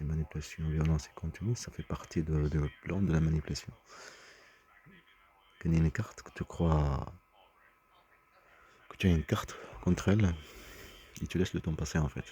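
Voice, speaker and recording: A man's voice: extremely low pitch, warm tone. A man talking in a rambling personal monologue, agitated and often stumbling over and repeating his words. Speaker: vlogger.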